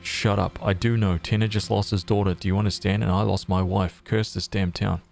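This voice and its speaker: A man's voice: lowish voice, level tone, a little fast, gravelly, darkish tone, soft background music. A man reading the lines of Thorn, a weary nobleman and father, in a video game. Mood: grim.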